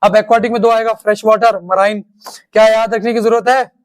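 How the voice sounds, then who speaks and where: A man teaching a science lesson, firing quick questions at his students and answering them himself. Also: high-pitched, level tone. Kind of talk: online class lecture.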